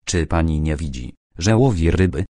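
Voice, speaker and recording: A man's voice: very deep voice, animated, moderate pace, mellow, dry recording, studio quality. A man voicing a pompous, self-important middle-aged angler who lectures everyone about fishing. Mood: scolding. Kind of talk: audiobook character reading.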